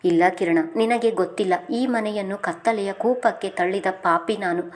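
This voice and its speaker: A woman voicing an anxious sister-in-law in a family drama, speaking higher and louder. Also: normal speed, close to an everyday voice. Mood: grieving. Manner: worried, higher and louder questioning.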